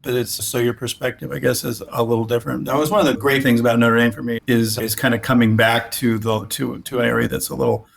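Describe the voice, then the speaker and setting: Gravelly and mid-range, with little pitch movement, this man's voice moves at a quick pace with few pauses. He's a guest in a reflective interview: a sixties-aged orthopedic spine surgeon raised in Alaska, who rambles through his history, often restarting and repeating words.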